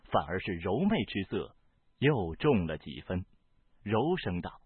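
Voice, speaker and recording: A man with a husky voice reading a novel aloud as audiobook narrator, in an expressive, varied storytelling delivery. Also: sits low, measured pace, dry recording. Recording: dry, tinny phone-like sound.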